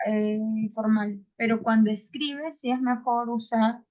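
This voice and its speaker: A woman's voice: on the high side, steady tone, unhurried, darkish tone. A female student asks a question on a video call, hesitant and thinking aloud as she goes. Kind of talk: asking a question in class.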